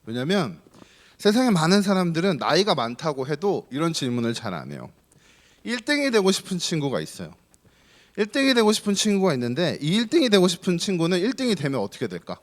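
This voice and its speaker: Lively male pastor quizzing children. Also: on the high side, fast. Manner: asks children many questions, playful and teasing. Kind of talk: children's sermon.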